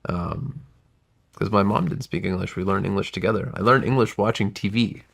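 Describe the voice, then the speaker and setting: A creaky, slightly bright, lowish male voice moves a little fast. The speaker, a U.S. man in his forties who grew up speaking Gujarati, shares his life story on a podcast in casual interview style, reflective and roundabout, often stopping to correct himself.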